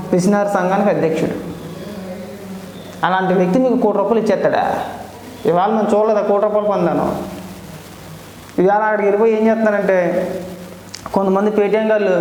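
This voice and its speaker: A man's voice: sits high, a little mellow. A man delivering a mocking, scornful political rant, repeating his points and firing off rhetorical questions. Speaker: political commentator. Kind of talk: ranting political monologue. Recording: echoey room with long reverb and background noise.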